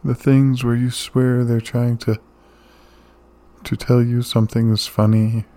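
A man gently delivering a calm bedtime relaxation monologue, soothing and unhurried, with pauses. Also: medium pitch. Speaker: host of a sleep relaxation show.

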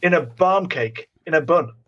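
A man's voice: fairly high pitch, expressive, moderate pace, a bit bright, dull audio. A man co-hosting a podcast in casual chat, teasing his co-host with wry asides.

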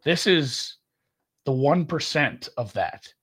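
A man with a Minnesota accent, co-hosting a casual sports podcast in a rambling, animated way with lots of fillers. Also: on the high side, takes it slowly, breathy edge. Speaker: podcast co-host.

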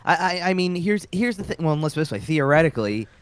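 A man's voice: fairly high pitch, big pitch swings, fast talker, clear, resonant tone. A man co-hosting a casual sports podcast, often restarting and repeating words as he makes his point. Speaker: podcast co-host.

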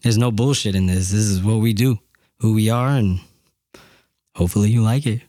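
A man's voice: on the low side, moderate pace, dark tone, no echo, studio quality. A man co-hosting a podcast, talking in a candid, profane, rambling way. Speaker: podcast co-host. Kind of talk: casual chat.

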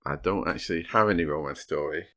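A man's voice: very deep voice, quick pace, fairly bright tone. A man hosting a true crime podcast, moving between casual banter and storytelling, with a dry, teasing humour. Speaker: podcast host.

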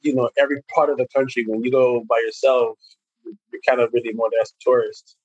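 A young man from New York, a guest actor giving long, thoughtful answers in a relaxed interview chat. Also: medium pitch, a little fast, no echo, lo-fi sound.

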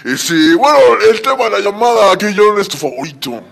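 A man hosts a comedy radio skit and talks in a playful, joking manner. His voice sits a bit high. Faint music plays underneath. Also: sing-song, normal speed, creaky, fairly bright tone. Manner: playful, laughing.

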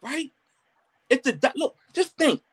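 A man's voice: very high voice, very animated, unhurried, a little hiss or hum. A man co-hosting a casual podcast, arguing emphatically and acting out quotes, with some profanity. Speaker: podcast co-host.

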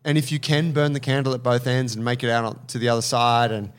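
Animated, swearing male podcast co-host. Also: medium pitch, fast talker, clean tone. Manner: swearing, animated, acts out inner voices. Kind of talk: casual podcast chat.

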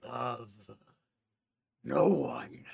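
A man voicing an aloof, unearthly god speaking slowly and ominously inside someone's head in a tabletop game. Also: mid-range voice, creaky, a little mellow, husky, exaggerated voice. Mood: cold, ominous.

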